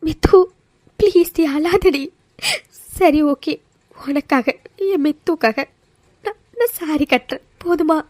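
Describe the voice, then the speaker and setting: A woman voicing a gentle, devoted young friend. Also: high voice, a little slow, dry recording. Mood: soothing. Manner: soothing, insistent. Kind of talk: cartoon voice acting.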